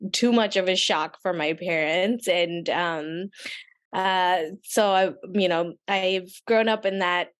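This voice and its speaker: A woman in her thirties from Pakistan, speaking on a panel in a chatty way full of fillers. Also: lowish voice. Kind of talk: panel discussion.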